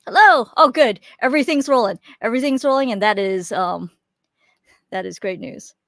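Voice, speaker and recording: Young woman host, chatty and loose, mid-pitched, close dry USB mic, casual live-stream welcome. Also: animated, normal speed, vocal fry, no echo. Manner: chatty, friendly, filler-heavy with frequent restarts. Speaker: webinar host. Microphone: USB desk microphone.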